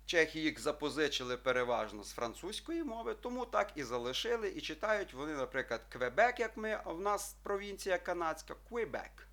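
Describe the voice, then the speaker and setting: A male teacher walks his viewers through a language lesson in an explanatory tone. His voice is bright and forceful, and he keeps checking in with his listeners. He draws out his example words slowly so they can follow. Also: fairly high pitch, big pitch swings. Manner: addresses listeners as friends, checks with frequent "так?"; slow, drawn-out model pronunciations.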